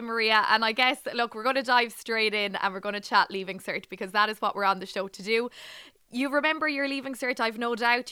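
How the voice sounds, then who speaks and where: Bright, crisp Irish woman hosting radio. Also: on the high side, no room sound, studio quality. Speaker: radio show host. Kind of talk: interview presenting.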